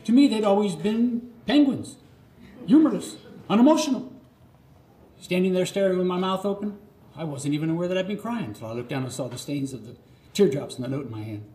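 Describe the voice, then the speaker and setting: A middle-aged man delivers a scripted monologue about his own life, earnest and theatrical, one phrase at a time, on a live radio theatre stage. He speaks fairly quickly in a high-sitting, dark-toned voice. The live theatre sounds roomy, and background noise is clearly audible.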